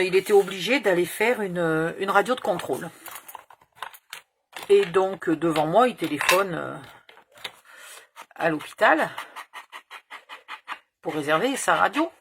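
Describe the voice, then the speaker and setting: A woman in her fifties with a slightly rough, mid-range voice hosts a crafting tutorial, chatting casually and rambling through a story with some casual swearing.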